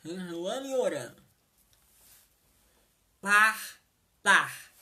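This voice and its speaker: A woman's voice: mid-range voice, very animated, very slow, bright, forceful tone. A woman teaching sign language vocabulary, saying each word and repeating it, often checking whether the class has understood.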